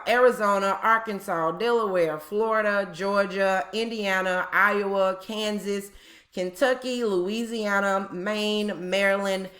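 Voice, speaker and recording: A woman's voice: mid-range voice, fairly bright tone. A woman hosting a job-tips video, explaining in a casual, chatty way with frequent ums and repeated points. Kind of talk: casual explainer talk to viewers.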